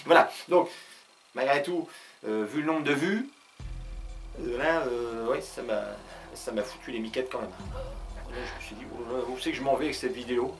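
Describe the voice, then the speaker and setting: A man's voice: mid-range voice, faint music behind. A man hosting his own video channel in a casual comic monologue, rambling with many hesitations and frequent chuckles. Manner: talks fast.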